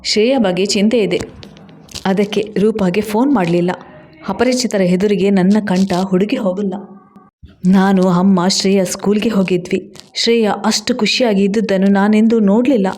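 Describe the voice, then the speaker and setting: A woman's voice: mid-range voice, steady tone, a little mellow, close to an everyday voice. A woman doing a resolute young wife. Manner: deliberate, word by word. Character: young mother, wronged wife, calm but resolute.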